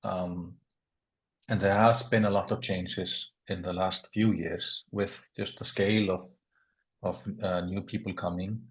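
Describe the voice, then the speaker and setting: A man's voice: deep voice, level tone, measured pace. A man from Iceland, speaking as a panelist in a webinar discussion and talking in a thoughtful way while he searches for the right words.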